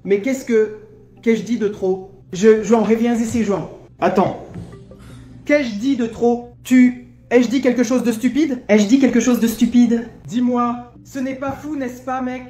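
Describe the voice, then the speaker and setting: A man's voice: very high-pitched, steady tone, unhurried, faint music behind. An actor playing a grumpy, bossy old father who lectures everyone and never stops complaining. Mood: lecturing. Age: older. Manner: overbearing, lecturing, loud complaints. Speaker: visiting father.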